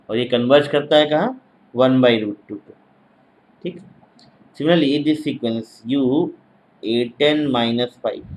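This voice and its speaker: Man lecturing at a very slow pace. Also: mid-range voice, a little hiss or hum, low-quality recording. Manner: repeats each phrase slowly as if dictating, checks in with tag questions. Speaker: mathematics teacher. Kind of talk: exam-prep lecture.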